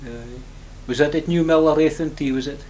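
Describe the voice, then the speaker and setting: A man's voice: fairly high pitch, brisk, darkish tone, a little hiss or hum. A man with a broad Scottish accent interviewing casually, with murmured affirmations and short questions in dialect. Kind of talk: casual oral-history interview.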